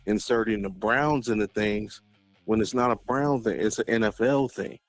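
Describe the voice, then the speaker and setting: A man's voice: fairly low pitch, normal speed, soft background music. A man as a caller on a sports talk show, debating insistently and repeating his phrases as he pushes back.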